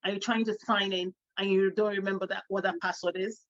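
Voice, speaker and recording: A woman's voice: medium pitch, little pitch movement, brisk. Chatty middle-aged woman, lo-fi sound. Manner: chatty storyteller, laughs often. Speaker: co-host. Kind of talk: casual chat.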